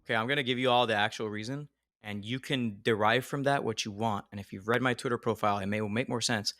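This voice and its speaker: A man doing casual live fighting game commentary in an excitable, slangy, halting way, with game music behind him. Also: mid-range voice. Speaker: tournament commentator.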